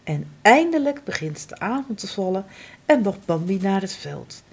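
A woman reading a children's storybook aloud in an expressive, dramatic way. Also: mid-range voice, moderate pace, husky.

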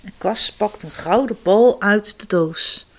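A woman reading a children's picture book aloud, giving the characters their own voices. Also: medium pitch. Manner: lively, slow storytelling with voices for the characters. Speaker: storybook reader.

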